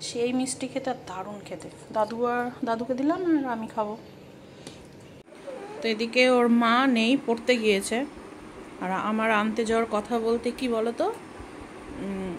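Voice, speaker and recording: A middle-aged woman vlogging at home in casual, soft, weary, confiding talk to the camera. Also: a little high, background noise.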